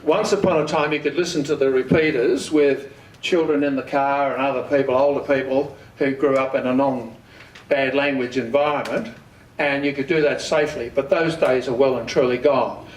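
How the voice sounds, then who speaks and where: At an amateur radio club in a community hall, a plain-spoken Australian man gives a casual how-to talk, often asking questions and then answering them himself. His voice is medium in pitch with fairly even intonation and a moderate pace. The room echoes and the microphone sits some distance away.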